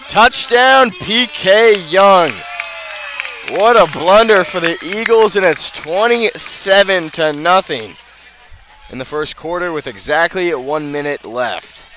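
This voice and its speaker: Calling a live football game on radio, an American announcer uses a high, animated voice with a sharp tone, keeping measured between plays and building with the action. Soft music and a faint crowd sit in the background.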